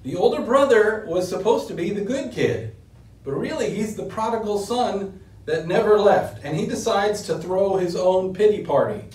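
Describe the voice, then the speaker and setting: Middle-aged guy preaching at a lectern, earnest, gets louder on big points, mic a bit far, roomy sound. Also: expressive, normal speed. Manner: earnest preaching, rising in pitch and force when stressing points. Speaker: pastor. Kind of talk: sermon. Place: small indoor room, standing at a lectern. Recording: roomy echo, voice set back from the mic.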